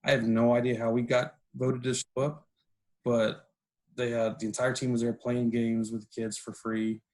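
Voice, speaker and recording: A man, a guest in a casual interview, talking in a relaxed way and often restarting his sentences. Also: medium pitch, moderate pace, rough recording. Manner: relaxed, with frequent restarts and fillers.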